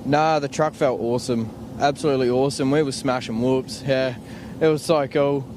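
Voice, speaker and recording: A man's voice: medium pitch, steady tone, moderate pace. A young man with an Australian accent, a race navigator chatting casually in an outdoor post-race interview. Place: outdoors at a desert race finish line. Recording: faint outdoor vehicle noise.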